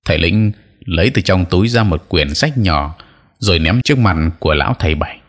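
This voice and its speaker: Audiobook narrator: deep male voice, steady dramatic telling. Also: brisk. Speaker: storyteller.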